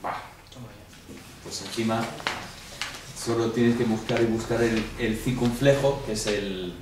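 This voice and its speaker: A man's voice: on the low side, steady tone, a little slow. A man with a Spanish accent leads a classroom review, walking through each answer and asking his students questions along the way. He is recorded from a distance in an echoey room, with a faint hum underneath. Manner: explains step by step, asks the class questions. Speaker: Greek teacher.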